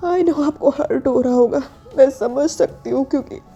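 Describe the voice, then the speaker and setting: Woman doing young employee pleading with boss, insistent, higher voice, dark tone, lo-fi with soft music. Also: normal speed. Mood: firm, apologetic.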